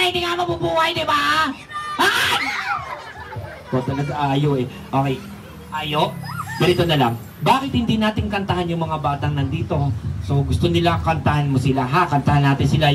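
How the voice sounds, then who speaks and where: A man's voice: fairly high pitch, very animated, moderate pace. A young man performing a playful comic ventriloquist show at a children's party, teasing his puppet and talking to the audience. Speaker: ventriloquist entertainer. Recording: distant mic, noisy live event.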